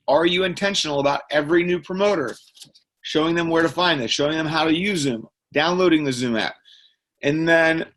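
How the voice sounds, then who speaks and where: A man's voice: on the high side, a bit bright. A man giving a motivational training talk to his sales team, emphatic and repetitive. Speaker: team leader.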